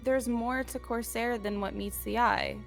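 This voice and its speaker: A woman's voice: fairly high pitch, fairly even intonation, measured pace, gravelly, faint music behind. A woman playing a tabletop role-playing game, talking casually in character and describing her character's actions. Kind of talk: casual in-character discussion and narration.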